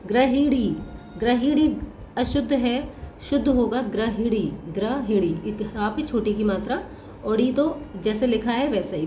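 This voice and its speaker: A woman's voice: a little high, mellow, a little hiss or hum. A woman college professor giving a spelling lesson, patiently working through correct and incorrect words and repeating each one. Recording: echoey room with faint music.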